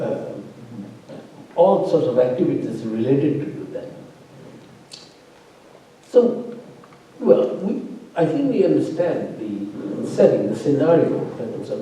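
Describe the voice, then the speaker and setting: This is spoken academic commentary from a man acting as faculty opponent at a thesis defense, an immigrant living in Norway. His medium-pitched voice is warm, the highs are cut off, and he sounds distant in a roomy lecture hall. He talks discursively, with many fillers and restarts.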